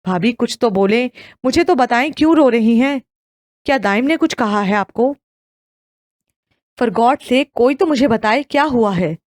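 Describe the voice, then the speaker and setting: Woman plays a cheerful young man in an audio novel, teasing and anxious, a bit high, dry read. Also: animated, no room sound, natural voice. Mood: pleading. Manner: teasing, then anxious questioning.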